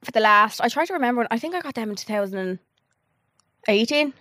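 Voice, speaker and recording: A woman's voice: on the high side, animated, quick pace, bright, forceful tone, dry recording, studio quality. A young Irish woman co-hosting a podcast, talking in a chatty, gossipy way with a slight lisp. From Ireland. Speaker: podcast co-host. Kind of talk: casual chat.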